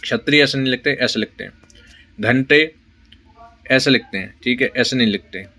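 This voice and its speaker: Bright-voiced male exam coach. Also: mid-range voice. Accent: Rajasthani Hindi. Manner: brisk listing of words with frequent "ठीक है" check-ins. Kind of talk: spoken lesson for exam preparation.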